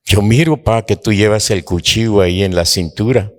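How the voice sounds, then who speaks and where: A preacher acting out a curious young son. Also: male voice, lowish voice, normal speed, lightly acted. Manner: curious, questioning. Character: young son asking his father questions.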